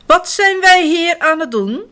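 A woman's voice: very high voice, animated, unhurried, pushed and bright, voice pushed up, exaggerated voice. A woman voicing a grumpy, strict male village police officer who scolds. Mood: stern. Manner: stern and scolding.

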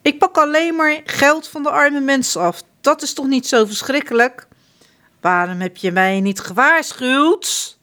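A woman's voice: high-pitched, a little slow, pushed and bright, pitched above the performer's own voice. A woman voicing a vain, greedy male prince in a whiny, pompous storybook voice.

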